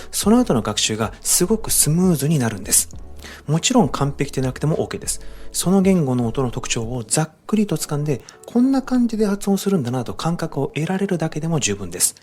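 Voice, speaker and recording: Male book-summary narrator, quick and animated delivery, a bit high-voiced, friendly tone for viewers. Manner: upbeat, addresses viewers directly with recommendations.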